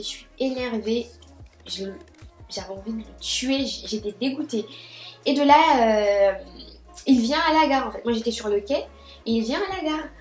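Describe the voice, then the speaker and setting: A young woman tells a story to camera in a casual vlog. She talks in a chatty, animated way, stumbling over fillers and restarts, and her voice sits a bit on the high side. The room around her gives a clear echo. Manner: chatty and animated, many fillers and restarts, acts out her own quoted lines. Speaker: beauty vlogger telling a story. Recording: echoey room.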